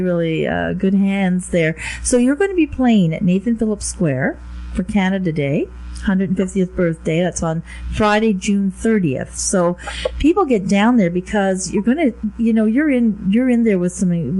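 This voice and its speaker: A female radio host with a fairly low, very soft-edged, mellow voice. She interviews conversationally, in an effusive and encouraging manner. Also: rough recording.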